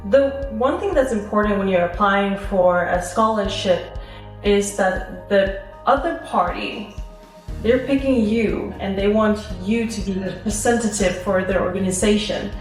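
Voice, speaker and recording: In a seminar hall, a Swedish woman answers audience questions with earnest advice, acting out little inner voices as she goes. Her medium-pitched voice moves at a measured pace. The hall echoes, she is far from the mic, and faint music plays.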